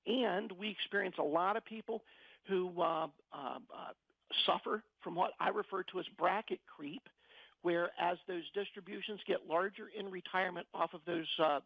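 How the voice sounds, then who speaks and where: A man's voice: high-pitched, gravelly, no room sound, lo-fi sound. A middle-aged man explaining things as a financial advisor in a radio interview, often repeating words as he searches for phrasing.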